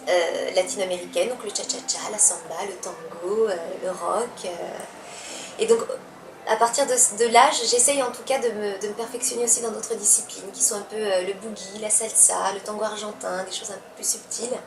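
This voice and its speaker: Interviewed as a guest, a young Italian dancer replies with hesitation, filling gaps and restarting often. She's medium-pitched with fairly even intonation and a brisk pace, captured on a roomy, distant mic amid background noise.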